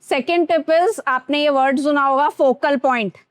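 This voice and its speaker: A woman's voice: high-pitched, unhurried, no room sound. A woman with an Indian accent teaching a grooming workshop to students in a classroom, switching between Hindi and English and addressing them directly.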